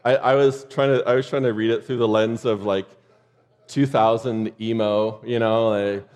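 A man's voice: fairly low pitch, fairly even intonation, moderate pace, darkish tone. A man preaching a sermon in a church, conversational and loose, with joking asides to the congregation. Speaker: pastor.

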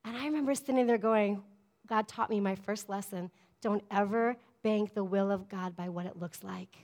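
A woman's voice: mid-range voice, normal speed, a little mellow. A middle-aged woman pastor preaching a sermon, emphatic and conversational, often asking her congregation "amen?". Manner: emphatic, call-and-response preaching with frequent "amen?".

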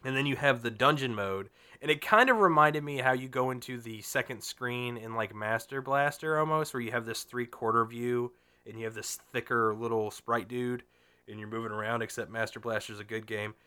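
A man with a mid-range voice talks at a moderate pace, sounding bright, forceful and clean. He hosts a relaxed gaming podcast, rambling with lots of swearing, fillers and restarts, and a cold makes him slightly nasal and sniffly.

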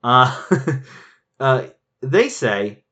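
A man chatting casually as a board game reviewer, animated and laughing, rambling with frequent restarts. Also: medium pitch, drawn-out words. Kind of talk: casual chat.

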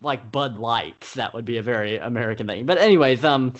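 A man's voice: mid-range voice, brisk, muffled recording, a crowd in the background. A man co-hosting a film podcast, talking casually and rambling with many fillers and restarts. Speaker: podcast co-host. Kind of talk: casual film-review chat.

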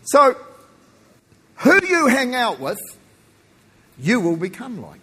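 A man from New Zealand with a New Zealand accent softened by Australian, preaching a sermon in an emphatic, folksy way with joking asides and a husky voice. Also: very high voice, wildly swooping pitch, takes it slowly. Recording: echoey hall with long reverb.

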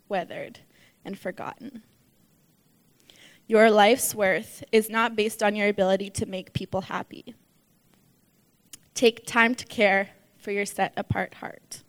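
Woman, devotional spoken word, slow, soft, hushed, measured. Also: mid-range voice, clear, resonant tone. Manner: soft, measured, dropping to near whispers.

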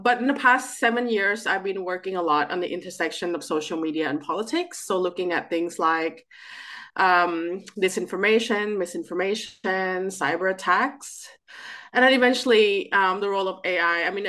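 Brief: bright-voiced woman in her thirties, Thai-born academic guest, animated. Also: medium pitch. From Thailand. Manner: animated, with restarts and fillers. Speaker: guest, political scientist. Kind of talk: interview answers.

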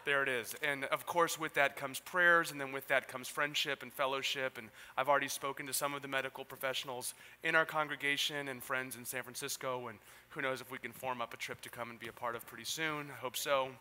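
Male pastor, very bright tone, conversational and lightly humorous; reverberant hall. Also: medium pitch, steady tone, fast talker, few pauses. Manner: warm conversational, gently humorous. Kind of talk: sermon and church announcements. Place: church hall. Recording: reverberant hall, faint ambience.

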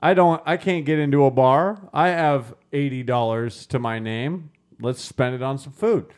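A man telling a story on a casual podcast, animated and full of swearing. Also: medium pitch, normal speed. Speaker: podcast co-host. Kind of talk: casual chat.

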